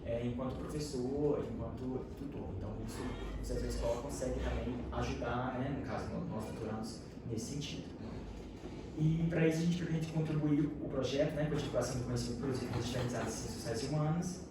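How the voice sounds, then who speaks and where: A man's voice: medium pitch, fast. A man with a Brazilian accent from Minas Gerais presents a workshop in an academic talk, hesitant, with many fillers and restarts. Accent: Brazilian Portuguese. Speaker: workshop presenter, doctoral researcher. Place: lecture hall. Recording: echoey hall from far off, noisy.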